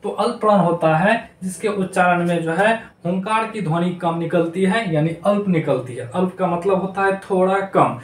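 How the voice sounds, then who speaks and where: A man's voice: high voice, moderate pace, hardly any pauses. A male grammar teacher talking children through a lesson, repeating each term aloud for them to remember, in a noisy room. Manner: repetitive, drills terms aloud. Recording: echoey room, distant mic, faint noise.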